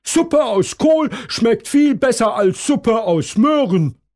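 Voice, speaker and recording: Man putting on a cranky storybook rabbit, high and loud, husky, wild swoops. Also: big pitch swings, measured pace, full character voice. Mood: shouting. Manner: shouting, contrary. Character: stubborn male rabbit neighbor, hot-tempered. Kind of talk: storybook reading.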